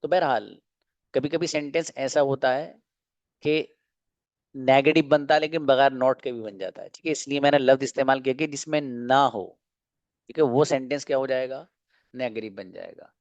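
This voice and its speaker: A man teaching an online English class, explaining slowly and asking and answering his own questions. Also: mid-range voice, no echo, highs cut off.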